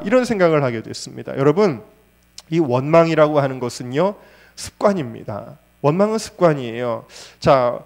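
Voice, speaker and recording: A male pastor preaching a Sunday sermon in church, asking the congregation rhetorical questions and stressing points by repetition. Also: fairly high pitch. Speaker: senior pastor. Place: church service.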